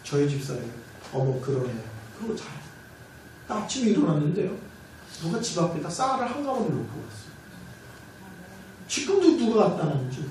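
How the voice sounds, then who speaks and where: A man preaching at a revival with a high, animated voice that swoops as he tells stories and puts on voices. He is heard from a distance in a big church sanctuary with heavy echo and a faint hiss underneath. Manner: storytelling with acted voices and call-and-response. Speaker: pastor. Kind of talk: revival sermon. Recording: echoey church hall from far off.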